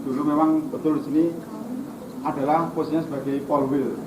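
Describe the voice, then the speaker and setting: Halting man in a noisy, echoey space. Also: fairly high pitch, flat delivery. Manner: halting, searching for words. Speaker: police official welcoming visitors. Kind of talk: informal welcome speech and site explanation. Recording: noisy, echoey, distant microphone.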